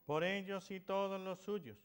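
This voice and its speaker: Male priest, notably high voice, delivering formal Mass prayers. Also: steady tone, unhurried, soft background music. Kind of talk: liturgical prayer recitation.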